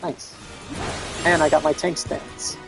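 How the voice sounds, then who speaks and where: A man's voice: fairly high pitch, flat delivery, slow, vocal fry, over music, low-quality recording. A man streaming a role-playing game, chatting casually with wry jokes. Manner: wry, joking. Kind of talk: casual gameplay commentary.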